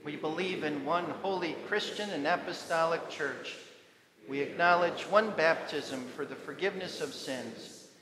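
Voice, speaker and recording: A man as pastor leading liturgy and prayer in a measured recited way, his voice ringing with long church reverb. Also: on the high side, a crowd in the background. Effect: long echoing church reverb. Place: church sanctuary. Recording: echoey church hall with congregation.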